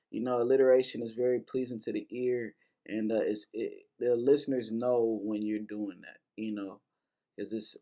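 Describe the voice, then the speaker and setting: A man with a fairly low, dark-toned voice hosts a casual lesson breaking down rap lyrics. His explanatory commentary is loose, full of fillers, restarts and casual swearing.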